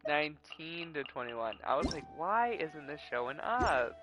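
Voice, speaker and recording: A man's voice: on the high side, very animated, unhurried, music in the background, poor audio. Chatty man streaming a game. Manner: chatty, enthusiastic, swears. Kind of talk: casual game commentary.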